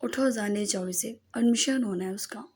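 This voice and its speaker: A woman voicing an affectionate mother who gently scolds her son, in an audiobook novel. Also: medium pitch, normal speed, natural voice. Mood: scolding. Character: affectionate scolding mother, firm but kind.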